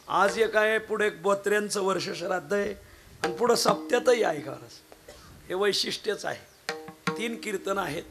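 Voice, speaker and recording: A man giving a devotional kirtan sermon at a village gathering. He is hoarse after preaching three times the day before, and he talks in a folksy, joking way, turning to the audience as he goes. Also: high-pitched. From Maharashtra. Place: village gathering with harmonium and mridang accompaniment.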